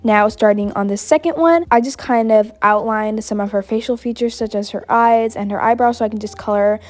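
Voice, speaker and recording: A woman's voice: a little high, fairly quick, a little mellow, soft background music. A woman with a cold, bubbly and gushing, casually narrating over her drawing as an art vlogger. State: has a cold.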